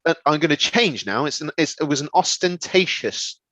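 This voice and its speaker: Man telling a rambling, lively story. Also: fairly high pitch, normal speed, no echo. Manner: rambling, stumbles over words, laughs often. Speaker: podcast co-host. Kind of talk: casual comedic storytelling. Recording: slightly dull, lo-fi.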